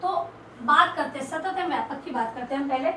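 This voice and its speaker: A young woman, a teacher in training, delivers a slow and deliberate classroom lecture in a high voice, repeating key terms as she writes. She sounds distant from the mic in an echoey room. Faint hiss sits under the recording. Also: pushed and bright.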